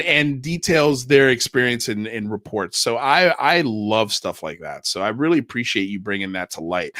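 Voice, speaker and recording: A man's voice: mid-range voice, bright, forceful tone, dry recording. A man hosting a casual interview in an effusive, informal way. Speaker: livestream host.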